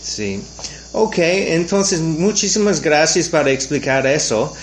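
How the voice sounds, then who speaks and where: Canadian man interviewing in halting, second-language phrasing. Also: a little high, lively intonation. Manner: frequent "ujú" backchannels, halting non-native phrasing. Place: outdoors at a ranch.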